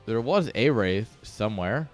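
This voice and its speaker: A man's voice: fairly low pitch, lively intonation, a little slow. Sarcastic male game caster over music. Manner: joking, sarcastic asides. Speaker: esports commentator. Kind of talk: casual game commentary.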